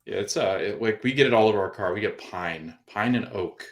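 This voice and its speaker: Low-voiced man hosting a casual podcast. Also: fairly quick. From Florida. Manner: rambling with many fillers and restarts. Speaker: podcast host. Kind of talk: casual chat.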